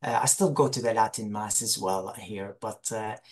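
This interview guest is a religious teacher from Iraq in his forties, speaking with an Iraqi accent on a video call from a small indoor room. His fairly low voice keeps a moderate pace, and his informal talk is marked by frequent searching for words.

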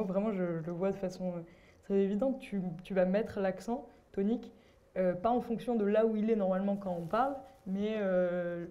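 A young woman moderating an academic seminar, explaining linguistics with many pauses and fillers. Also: mid-range voice, warm tone. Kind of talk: academic discussion.

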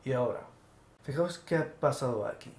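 A man calmly talking through each step as he draws, narrating an animation tutorial. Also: mid-range voice, moderate pace. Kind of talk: screen-recorded drawing tutorial. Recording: echoey room with faint noise.

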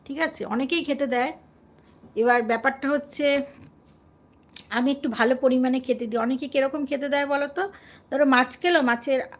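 A high-pitched woman from West Bengal talks to her live-stream viewers in a loose, conversational way. She is earnest and chatty and keeps asking them questions as she goes. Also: highs cut off.

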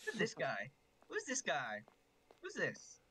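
A young man chatting and joking loudly with friends while playing a game together. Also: a little high, takes it slowly, slight background noise, poor audio. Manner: excitable, joking, loud reactions. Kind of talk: casual group gaming chat.

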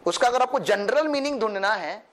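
A man's voice: high voice, lively intonation, a little fast, a crowd in the background. A man giving a classroom lecture on tax law to exam students, explaining step by step, checking understanding with frequent tag questions and posing students' questions himself with a joking touch. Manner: playful, poses students' questions himself and jokes. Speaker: tax law teacher for accountancy exams. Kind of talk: classroom lecture mixing Hindi and English.

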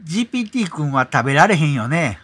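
A middle-aged man with a Kansai accent, relaxed and explanatory, walking viewers through an app as a tutorial host. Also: a little high, fast talker, husky. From Kansai, Japan.

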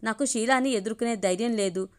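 Woman reading a tired young wife, quiet and hesitant, storybook. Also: a little high, a little fast, close to an everyday voice. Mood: plain. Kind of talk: audiobook character reading.

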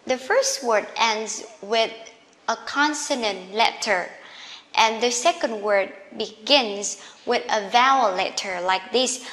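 A woman's voice: fairly high pitch, a bit bright, big-room sound. A woman teaching an English pronunciation lesson, explaining each phrase and repeating it several times for learners to copy. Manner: repeats phrases slowly for drilling.

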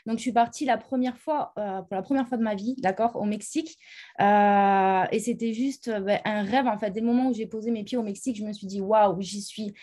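A woman's voice: a little high, brisk, mellow. A young woman from France giving a personal testimony, talking with lots of hesitant fillers. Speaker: company ambassador. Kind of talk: personal testimony on a live show.

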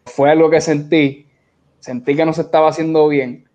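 A young adult man from Puerto Rico, with a Puerto Rican accent, talks casually as a guest in an interview conducted by video call from an indoor room. He is a beach cleanup organizer whose voice is on the high side, level and darkish, delivered at a moderate pace in an informal, colloquial manner. The audio is dull and lo-fi.

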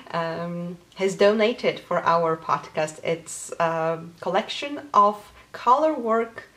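A Polish woman in her thirties hosts a knitting podcast, talking to camera from a small home craft room. Her first language is Polish, and her voice sits low with a slight brightness. She's casual and chatty, with many fillers and small laughs.

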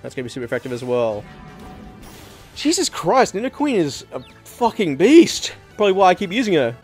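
A man giving casual, profane let's-play commentary as a gaming channel host, swinging to loud excited outbursts. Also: on the high side, fast talker, faint music behind.

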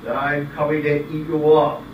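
Guy doing a hungry mean puppet troll, drags words out slow, echoey and far from mic. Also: on the high side, lightly acted. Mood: menacing. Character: menacing hungry male bridge troll. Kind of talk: amateur puppet storytelling. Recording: echoey room, distant mic, steady hiss.

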